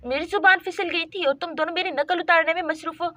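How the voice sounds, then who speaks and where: A woman's voice: very high voice, steady tone, quick pace, bright, forceful tone, no room sound. A woman voicing a stern mother who scolds and threatens her two daughters in a doll story. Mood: scolding.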